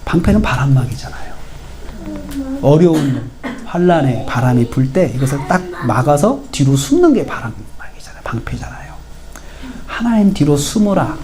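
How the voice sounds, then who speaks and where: A male pastor preaching an expository sermon, building to emphatic, stressed peaks and then dropping to soft near-whispers. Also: medium pitch.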